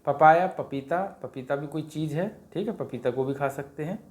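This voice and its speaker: Here a teacher with a fairly high but darkish voice speaks at normal speed, explaining a worksheet during a Hindi grammar lesson aimed at parents. He drills the vowels over and over in a sing-song, supplying answers to his own questions.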